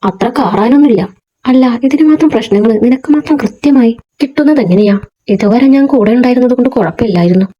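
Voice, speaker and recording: A woman's voice: on the high side, brisk, slightly rough, dull audio. A woman voicing a wealthy young man in a storybook, protective and teasing, scolding in a light way.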